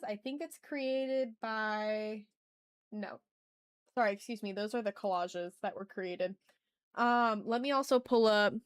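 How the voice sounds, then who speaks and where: Speaking at a fairly high pitch with no echo, a woman runs an art livestream. She chats with her viewers in loose, slangy, informal language. Her microphone is a sensitive ASMR mic.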